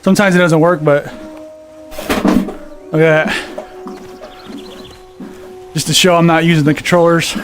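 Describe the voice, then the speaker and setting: Over music, a man with a fairly high, level voice chats on a live game stream at an unhurried pace with long pauses. Walking on a VR treadmill at his home gaming setup leaves him out of breath while he reads viewer comments aloud and responds casually.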